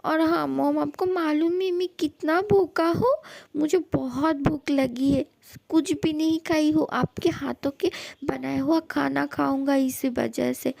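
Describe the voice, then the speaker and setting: A woman's voice: high-pitched, steady tone, measured pace, creaky, darkish tone, no echo. A woman voicing a devoted young adult son in a fan dub drama, pleading and repeating words for emphasis. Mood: coaxing.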